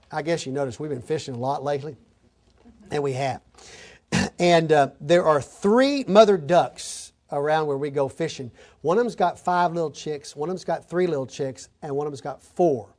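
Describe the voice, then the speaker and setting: A man's voice: sits high, darkish tone. A man preaching an expository sermon, reading scripture aloud and then explaining it with folksy stories and asides.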